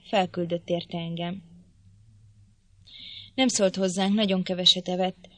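A woman reading a novel aloud in steady, measured scripted narration. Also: lowish voice, no room sound. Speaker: audiobook narrator.

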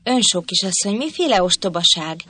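A woman's voice: medium pitch, sing-song, sharp tone, slightly rough, heavily acted. A woman voicing a haughty lady of the manor in an audiobook. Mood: shocked.

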